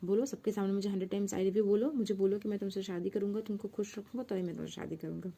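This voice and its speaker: A woman's voice: mid-range voice, fairly even intonation, quick pace, gravelly, warm tone, breathy edge. A woman telling the lines of an earnest young groom. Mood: demanding. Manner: plain conversational retelling of his lines.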